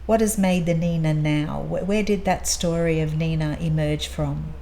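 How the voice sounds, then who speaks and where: A woman hosting an interview in her guest's home, asking gentle, probing questions about her guest's roots. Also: low voice, steady tone, moderate pace, slight background noise. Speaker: podcast host. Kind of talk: interview conversation.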